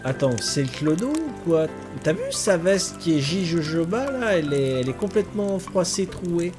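Here the streamer sounds very animated, his voice on the high side at a moderate pace. He keeps up the relaxed let's-play talk, reading on-screen text and tossing in the odd mild curse, over game music and rain in a poor recording.

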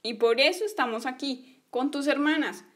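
A woman's voice: high-pitched, normal speed, a bit bright. A woman doing a pouty little girl. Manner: complaining, pouty. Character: sulky young girl friends. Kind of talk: toy play storytelling.

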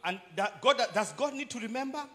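A man preaching a sermon in a church, speaking in short phrases and pausing for an interpreter. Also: extremely high pitch, bright, forceful tone.

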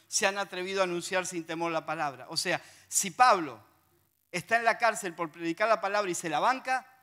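A man with a high-pitched voice and a Rioplatense Spanish accent is preaching. He sounds bright and forceful, reading scripture aloud and breaking in with lively, funny asides to the congregation.

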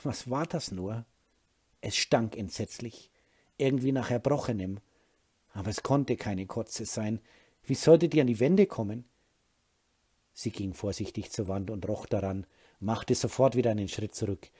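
Husky male audiobook narrator. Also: on the low side, unhurried, warm tone.

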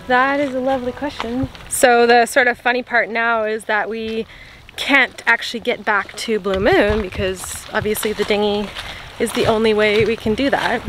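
A woman's voice: on the high side, noisy background. Chatty young woman vlogging outdoors. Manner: chatty and upbeat, with many fillers. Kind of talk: casual vlog talk to camera. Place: outdoors by a wooded harbour.

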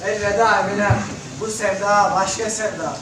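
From a distance in a heavily echoing hall, a resolute village husband played by a male actor speaks on stage. His high voice is earnest and tender, with a measured declamatory delivery. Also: steady tone, close to an everyday voice. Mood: earnest farewell. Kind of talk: patriotic stage drama. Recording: very echoey noisy hall from far off.

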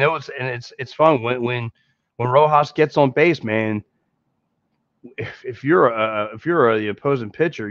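With a mid-range voice and a Philadelphia accent, a man in his thirties rambles through a laid-back postgame sports podcast, restarting and repeating often. He speaks into a headset mic in a small indoor room in front of a green screen. The recording is dull, lo-fi and dry, with no echo.

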